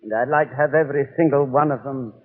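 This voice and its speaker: An actor playing a genial, rambling older English doctor, telling stories in 1930s radio style. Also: male voice, medium pitch, quick pace, long reverb tail, natural voice. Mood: chatty, persuasive. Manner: avuncular, rambling, loses his thread. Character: genial, chatty old English doctor reminiscing about detective adventures. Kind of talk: 1930s radio storytelling and sponsor patter. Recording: tinny, hollow 1930s radio recording.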